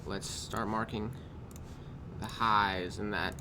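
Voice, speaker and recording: A man casually reviewing his trading day, tired and yawning, talking in a loose, unhurried way with drawn-out pauses and the odd swear word. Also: fairly low pitch, fairly even intonation, background noise. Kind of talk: casual screen-recorded trade review. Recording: clear keyboard typing in background.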